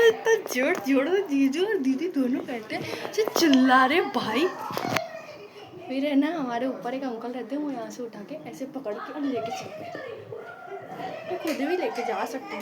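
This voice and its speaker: A young woman vlogging casually on her phone, chatting straight to her viewers and laughing often. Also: high-pitched. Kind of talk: casual vlog chat. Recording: loud background noise.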